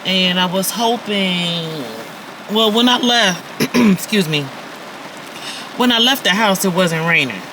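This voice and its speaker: A woman in her fifties vlogs to her viewers on a phone, first outdoors at a park and then in her parked car. Her voice is medium-pitched and slow, with plenty of fillers as she chats straight to camera over background noise.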